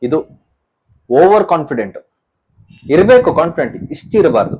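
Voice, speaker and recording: Teasing man with a lively voice. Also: a little high, moderate pace, slightly rough, lo-fi sound. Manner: teasing, playful. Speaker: comedy skit creator. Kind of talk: casual couple comedy skit.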